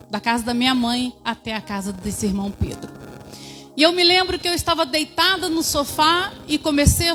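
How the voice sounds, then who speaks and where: A woman in her fifties giving a church testimony, telling her story and addressing the congregation as brothers. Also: sits high.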